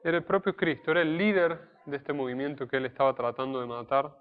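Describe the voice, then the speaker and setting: A man giving a sermon in a conversational, explanatory way, pausing to restate his points. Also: mid-range voice, steady tone. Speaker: preacher. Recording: dull lo-fi recording.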